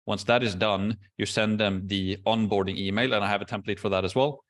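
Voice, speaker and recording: A man hosting a casual Q&A video call, explaining processes step by step in a relaxed way with many fillers. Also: on the low side, fairly quick. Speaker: course host answering questions.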